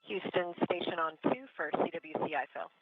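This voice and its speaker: A woman's voice: on the low side, animated, moderate pace, no echo. Woman on a tinny radio link, dry, clipped procedural reports. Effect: crackly radio transmission. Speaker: space station crew member. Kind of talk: terse radio procedure talk.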